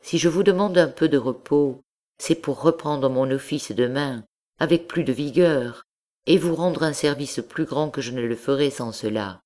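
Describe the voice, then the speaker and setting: Une femme faisant la voix d'un prêtre confesseur doux et fatigué, patient et posé, dans un livre audio. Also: female voice, extremely low pitch, normal speed, a little mellow. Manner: patient, reasoning, formal. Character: gentle, tired male priest-confessor.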